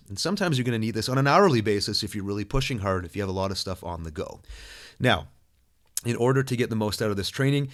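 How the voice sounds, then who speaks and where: Earnest motivational male coach. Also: medium pitch. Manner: earnest, motivational, direct address to listener. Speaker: self-improvement coach. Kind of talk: coaching program talk.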